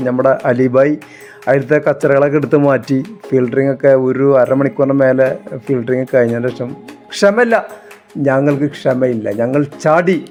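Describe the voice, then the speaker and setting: A man with a northern Kerala Malabar accent narrates a casual travel vlog enthusiastically, mixing English words into his Malayalam. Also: medium pitch. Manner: enthusiastic, repeats a catchphrase. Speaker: travel vlogger. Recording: music under the voice.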